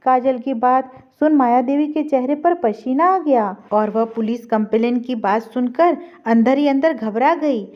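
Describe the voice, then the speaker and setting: Woman storyteller, high voice, steady reading, muffled lo-fi audio. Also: unhurried, few pauses. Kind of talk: scripted story narration. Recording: dull lo-fi recording.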